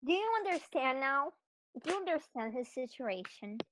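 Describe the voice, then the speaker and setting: A woman's voice: sits high, very animated, normal speed, slight background noise, poor audio. A young woman playing a tabletop game, pleading and questioning persistently. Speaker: player. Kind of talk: casual tabletop game play.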